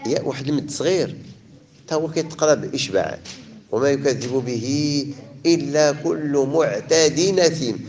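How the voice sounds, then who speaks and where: A man with a Moroccan Arabic accent teaching a tajweed lesson to a class. He recites verses slowly, stretching the sounds, then explains the rules briskly to his students. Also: mid-range voice, lively intonation, darkish tone.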